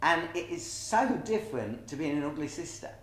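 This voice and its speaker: A middle-aged man who performs as a pantomime dame tells stories emphatically in a casual interview about his stage work. His voice sits a little high, expressive and fairly bright, moving at a brisk pace in an echoey room.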